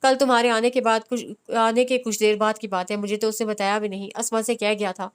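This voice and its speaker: A woman reading a tearful middle-aged aunt who speaks in halting, sobbing phrases. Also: medium pitch, level tone, smooth, natural voice.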